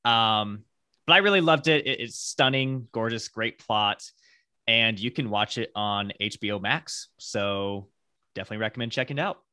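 A man's voice: fairly low pitch, normal speed, sharp tone, clear, resonant tone, no room sound, clean studio sound. A man co-hosting a film podcast, recommending a film with enthusiasm. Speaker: podcast co-host. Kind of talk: casual film podcast chat.

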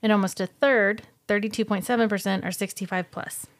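A woman's voice: mid-range voice, steady tone, a little fast. A middle-aged woman co-hosting a podcast in casual chat, patiently reading out facts and figures. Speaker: podcast co-host.

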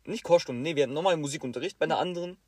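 Racing along in a slightly rough voice, a young male podcast co-host tells a story casually, and there's no room sound. He acts out its characters with animation, voicing quoted teachers in louder, higher bursts.

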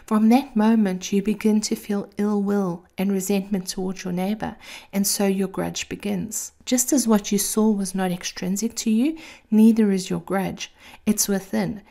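A woman delivers a scripted piece of encouragement like a femme fatale, sultry and intimate. Her sweet voice is dark and mellow, with plenty of fry in it. She speaks as a host addressing her listeners closely. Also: medium pitch, steady tone, moderate pace. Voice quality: sweet, creaky. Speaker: host of a daily encouragement series. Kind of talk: scripted motivational monologue.

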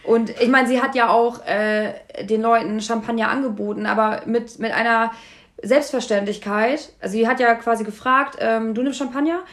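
A woman's voice: on the high side, steady tone, moderate pace. A woman co-hosting a casual chat, recapping a reality show in a blunt, sarcastic, slangy way. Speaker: podcast co-host.

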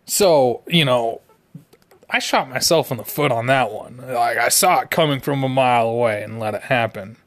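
A man's voice: mid-range voice, moderate pace. A young man telling a personal story in a laid-back, rambling way, full of "like".

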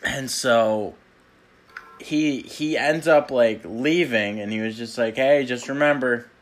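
A man's voice: mid-range voice, slow pace. A young man in casual chat, rambling through a story with lots of fillers. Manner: rambling storyteller, heavy use of "like". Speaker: podcast co-host.

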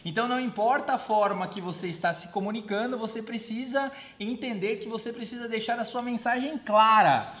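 A man's voice: sits high, brisk, hardly any pauses. Chatty man telling stories in a roomy space. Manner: storytelling, animated voice shifts when quoting. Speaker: podcast co-host. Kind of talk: casual podcast chat. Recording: roomy echo.

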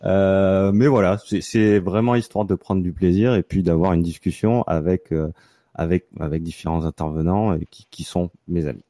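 Deep-voiced man hosting a podcast. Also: normal speed, no echo, studio quality. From France, near Marseille. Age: 30s. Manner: hesitant, many fillers and restarts, relaxed. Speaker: podcast host. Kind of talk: casual podcast chat.

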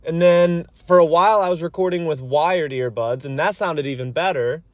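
A man with a fairly high voice speaks at a moderate pace, and the recording sounds dry and of studio quality. He's hosting a solo podcast, rambling informally with mild profanity, recorded on his phone microphone in a parked car while rain hits the roof on a rainy day.

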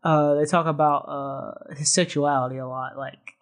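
A podcast host retelling a movie plot in casual, chatty terms, with frequent laughs. The voice sits at a middle pitch, neither high nor low. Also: fairly even intonation, normal speed. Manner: storytelling recap, laughs often. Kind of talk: casual movie-recap chat.

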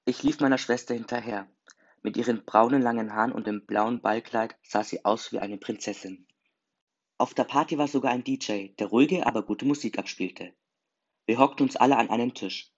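A man's voice: mid-range voice, moderate pace. A man narrating a first-person story in an earnest, emotional reading. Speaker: story reader. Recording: slightly dull lo-fi recording.

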